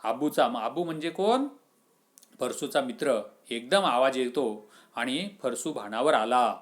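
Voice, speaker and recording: A man's voice: medium pitch, lively intonation, a little slow. A man teaching a school literature lesson, reading lines aloud and then explaining them with questions to the class.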